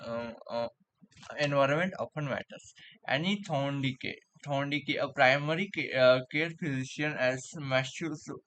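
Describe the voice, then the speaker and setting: A man reading aloud haltingly with a pen held in his mouth, so his words are muffled and he often stumbles and repeats them. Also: medium pitch, fairly bright tone, smooth. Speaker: vlogger reading a book aloud for vocal practice.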